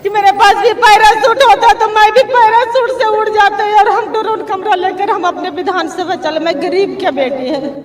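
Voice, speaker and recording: A woman's voice: very high-pitched, fairly even intonation, normal speed, few pauses, distant mic, slight background noise. A woman politician in an emotional street interview, pleading and wry as she speaks. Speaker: politician denied a party ticket. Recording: echoey field audio from afar with crowd.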